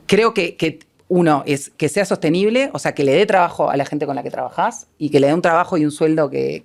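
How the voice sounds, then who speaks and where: On a panel, a low-pitched woman with a Uruguayan accent, a film producer by trade, gives halting answers, thinking aloud and downplaying herself.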